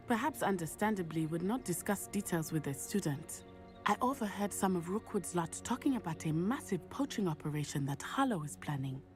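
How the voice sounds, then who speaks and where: A woman voicing an earnest, polite young female student in video game dialogue, measured and determined. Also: on the low side, a little mellow.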